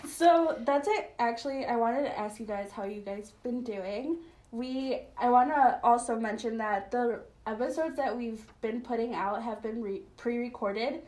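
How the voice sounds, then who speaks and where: A woman with a higher-pitched voice hosts a casual podcast chat, swearing freely and laughing often. Her voice rings in an echoey room. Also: a little slow, darkish tone. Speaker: podcast host.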